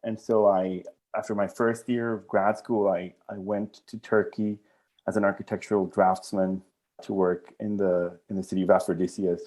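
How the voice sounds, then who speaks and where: A middle-aged Colombian man, an archaeology professor appearing as a guest, answers interview questions hesitantly and thoughtfully, restarting often. His voice is warm and fairly low, with little pitch movement, at a normal speed.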